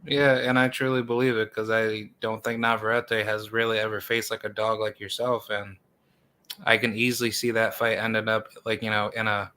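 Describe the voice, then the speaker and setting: Man, interviewer, rambling questions, flat pitch, smooth bright voice. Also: moderate pace. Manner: rambling, many fillers like "you know". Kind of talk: live stream interview.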